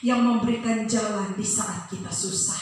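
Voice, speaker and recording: A middle-aged woman preaching a sermon, emphatic, breaking into sung phrases and high cries. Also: fairly even intonation, moderate pace, slight background noise. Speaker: preacher, pastor's wife. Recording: echoey room, from a distance.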